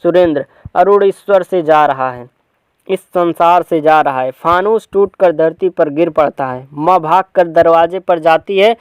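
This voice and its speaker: Male teacher narrating a play for a lesson, high voice, dry sound. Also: measured pace, clean tone, no echo. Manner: plain narration of stage directions. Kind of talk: reading a play aloud for students.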